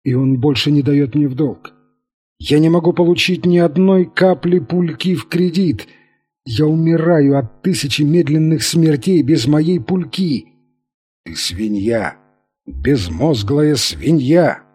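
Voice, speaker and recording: A man voicing a wretched, drunken old laborer who pleads and laments in a self-pitying way, with a husky voice. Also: fairly high pitch, unhurried, dark tone. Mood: bitter.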